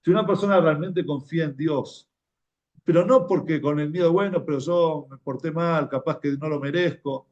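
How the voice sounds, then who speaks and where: A man with an Argentine Spanish accent gives a Torah class in a relaxed, conversational way. His voice sits fairly high for a man, and he tells stories while often repeating his words. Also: normal speed, muffled recording. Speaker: religious teacher.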